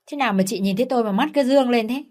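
A woman's voice: lively intonation, moderate pace, close to an everyday voice. A woman voicing a haughty, bossy young sister-in-law in a told story. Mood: sneering. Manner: sneering, high-handed.

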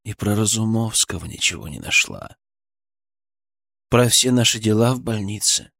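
A man's voice: on the low side, very animated, moderate pace, gravelly, a bit bright, no echo, clean studio sound, full character voice. A man reading an audiobook and voicing a cocky young thug posing as a police sergeant, with lazy, slangy, drawling menace. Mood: menacing. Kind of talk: audiobook character voice.

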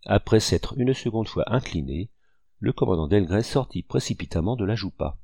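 Gravelly, low-voiced male audiobook narrator. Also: lively intonation, mellow, no room sound. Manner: measured, literary. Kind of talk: audiobook reading.

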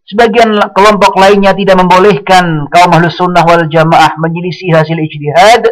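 A man giving a religious study lecture, speaking in a measured way and quoting Arabic passages. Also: sits high, little pitch movement, poor audio. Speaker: Islamic teacher.

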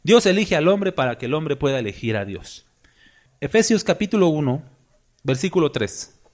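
Man preaching, emphatic, rhetorical questions, fairly high voice. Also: sing-song, normal speed, a little mellow. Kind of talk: sermon.

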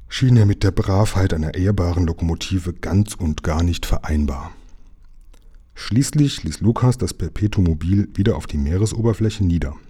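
Deep, dark-voiced man reading a storybook. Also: slightly rough. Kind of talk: reading a children's book aloud.

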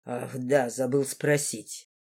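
A woman's voice: a bass voice, steady tone, slow, a little mellow, husky, voice pushed down, exaggerated voice. A woman voicing a cruel, hot-tempered young male lord who growls menacing threats.

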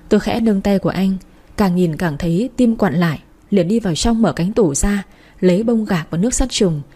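Woman, story narrator, husky mellow voice, intimate delivery. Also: medium pitch. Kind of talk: first-person story reading.

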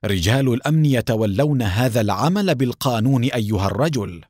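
Brief: earnest young leader, as a narrator voices him, lively delivery, dry recording. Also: male voice, mid-range voice, brisk, slightly rough, no room sound. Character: young man, bold leader of a security team.

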